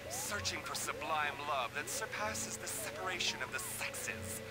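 A man's voice: a little high, lively intonation, a little slow, over loud music. An actor voicing a teenage boy putting on a campy, flamboyant TV host act in a video game. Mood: campy, showy. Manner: campy, teasing, showy sing-song delivery.

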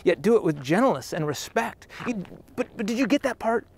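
Brisk and animated, this pastor in his thirties has a voice that sits high. He preaches outdoors on a trail in an earnest, conversational way, with frequent restarts.

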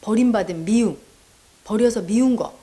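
A woman's voice: fairly high pitch, moderate pace, dark tone. A woman meditation teacher counseling a viewer, talking straight to her with earnest, coaxing prompts. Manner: addresses the listener directly with coaxing prompts; earnest, persuasive, acts out quoted voices. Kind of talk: counseling talk answering a viewer's question.

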